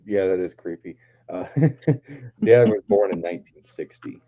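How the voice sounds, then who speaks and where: This podcast host, a man in his late twenties, runs a casual chat show full of jokes and free swearing with his friends. He has a low-pitched voice and talks at a moderate pace. Faint noise sits under the dull, lo-fi sound.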